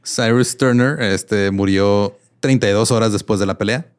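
Mexican male podcast host, lower pitch, relaxed comic narration with frequent laughs. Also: normal speed, smooth. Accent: Mexican Spanish. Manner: reads quotes aloud, laughs often, slangy asides. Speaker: podcast co-host telling a history story. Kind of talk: casual comedic history chat.

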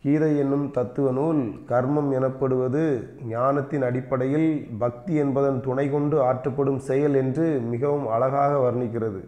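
A man teaching an exam revision lecture, reading notes aloud and slowly repeating the key terms. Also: medium pitch, steady tone, mellow.

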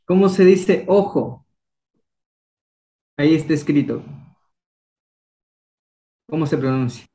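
A man's voice: fairly high pitch, slow, mellow, slight background noise. A young man from Ecuador teaching a language class, coaxing students with encouraging quiz questions. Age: young adult. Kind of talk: online class, quizzing students.

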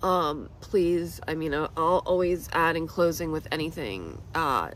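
The audio is poor, with a bit of hiss or hum, as a vlogger in her thirties talks unhurriedly in a deep, expressive voice. Close to tears in this emotional personal video, she rambles, is self-deprecating, and laughs nervously.

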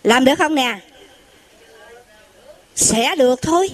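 A woman's voice: high-pitched, lively intonation, takes it slowly. A woman telling a folksy Buddhist sermon story, animating the people in it. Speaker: Buddhist lay preacher.

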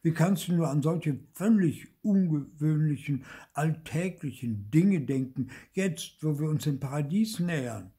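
An older man voicing a poor, short-tempered peasant husband who scolds loudly and impatiently, in a husky voice. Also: on the high side, animated, a little slow, voice pushed up, exaggerated voice. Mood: scolding.

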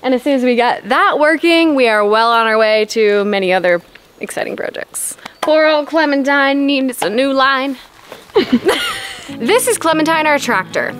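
A woman's voice: sits high, animated, moderate pace, fairly bright tone, soft background music. A woman in her thirties giving a casual, laughing walking tour of her forest cabin homestead, filmed on a handheld camera at arm's length outdoors. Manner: giggly, self-deprecating, laughs often. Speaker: vlogger.

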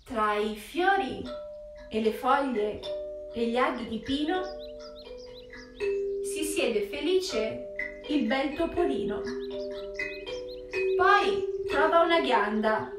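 A woman narrating a rhyming children's storybook in a lively, rhythmic way. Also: high-pitched, takes it slowly, long pauses. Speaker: children's book reader. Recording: roomy echo from a distant mic. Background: music.

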